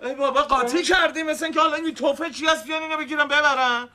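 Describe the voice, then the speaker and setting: A baffled grown son in a TV comedy, grumbling and demanding explanations. His voice is very high and bright for a man. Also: fairly even intonation, full character voice. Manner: baffled, keeps asking what is going on. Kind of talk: sitcom acting.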